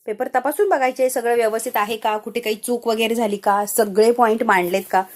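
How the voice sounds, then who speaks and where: A fussy, teasing elderly father-in-law from a TV serial recap, voiced by a woman in her own fairly high voice. He scolds and jokes fondly at his family in a casual storytelling tone. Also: steady tone, fairly quick, natural voice. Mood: scolding.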